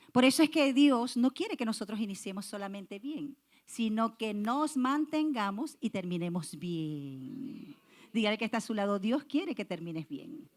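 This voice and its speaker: A woman pastor preaching a sermon, emphatic, repeating key phrases and speaking straight to the congregation. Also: fairly high pitch. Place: church.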